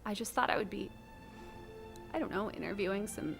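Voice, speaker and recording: A woman's voice: mid-range voice, fairly quick, vocal fry, music in the background, lightly acted. A woman playing a scheming radio journalist who fakes crying for her story, gushing and theatrical, then smug. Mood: tearful. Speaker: fake podcast reporter. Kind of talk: improvised comedy podcast sketch.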